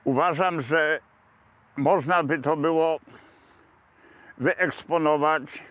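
Man in his seventies, slow deliberate delivery, slightly high pitch, unscripted reminiscence, measured pauses, outdoors. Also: fairly bright tone, no room sound. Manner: measured, pausing explanation. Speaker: local witness recounting history. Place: outdoors in a grassy park.

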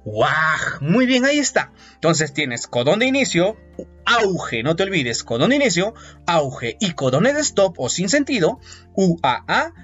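A man teaching biology in a lively, playful lecture, quizzing students with mnemonics. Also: high voice, a little slow, breathy edge. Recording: muffled audio with faint music.

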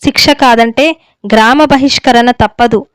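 A woman's voice: a little high, unhurried, smooth, dry recording, close to an everyday voice. A woman reading the lines of a stern older village elder husband who lectures on righteousness. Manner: stern, moralizing, unbending. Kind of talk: story reading.

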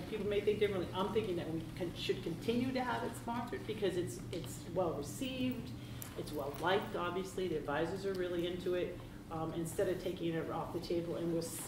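A woman on a school board giving her view in a rambling, earnest way with many restarts. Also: fairly low pitch. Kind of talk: meeting discussion. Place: meeting room. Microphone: far room mic. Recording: echoey, distant, hissy.

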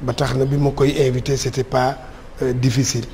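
A man's voice: mid-range voice, little pitch movement, fairly quick, darkish tone, big-room sound, slight background noise. A middle-aged man, a TV pundit speaking hesitantly with many fillers, on a lapel mic. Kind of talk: casual talk-show banter. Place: TV studio set.

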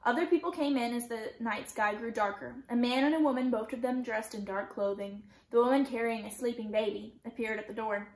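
Gentle teacher reading a novel aloud. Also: female voice, fairly high pitch, brisk, few pauses. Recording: roomy echo.

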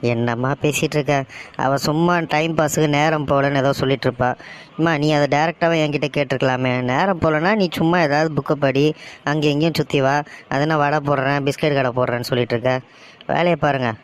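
A man's voice: on the high side, steady tone, quick pace, clean tone, lightly acted. Man voicing an anxious young office worker. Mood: mocking. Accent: Tamil Nadu Tamil. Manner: dismissive, then panicky and whiny. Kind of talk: cartoon story voice acting.

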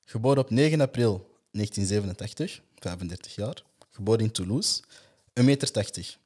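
A man, hosting a casual football podcast and reading player facts in a steady, matter-of-fact way. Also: fairly low pitch, fairly quick.

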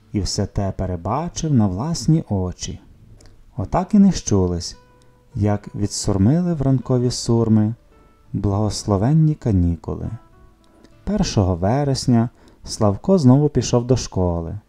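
A man reads a children's story aloud in an expressive, lively manner. His voice is mellow and dark in tone, with soft music playing underneath. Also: fairly low pitch. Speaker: narrator. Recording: soft music behind the reading.

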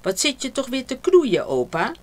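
A woman's voice: high voice, wildly swooping pitch, moderate pace, pitched above the performer's own voice. Woman doing a fussy old grandma.

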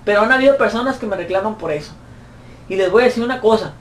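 A man with a Mexican accent, a YouTuber answering fan questions in a profane, mocking comic rant. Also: fast talker. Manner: profane, mocking, shrill put-on voices when quoting. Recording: roomy echo, distant mic, faint noise.

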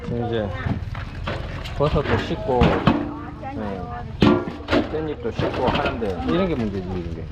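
A man's voice: medium pitch, lively intonation, measured pace, long pauses, heavy background noise. A middle-aged man from South Korea chatting casually as a vlogger, rambling and often muttering to himself. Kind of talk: casual vlog chat and narration. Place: busy rural family home in Cambodia. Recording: muffled, crowd chatter around.

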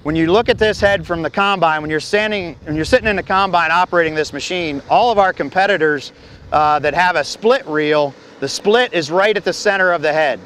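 Standing outdoors on a grassy field beside a combine, a farm equipment company representative in his thirties gives a product walkaround demo, explaining the machine plainly with frequent fillers and restarts. His voice is a bit bright, somewhat high, and slightly fast, recorded on a lapel mic with a little hiss or hum.

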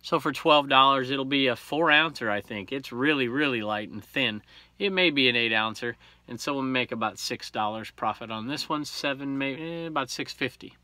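A man in his forties chats through his latest resale finds in an upbeat, rambling way, often correcting himself mid-sentence. His voice is very bright and sits at a middle pitch. He is close to a camera held at arm's length in a small home room. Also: normal speed, no room sound. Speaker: reseller vlogger. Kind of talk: casual haul vlog. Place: small cluttered home room full of collectibles.

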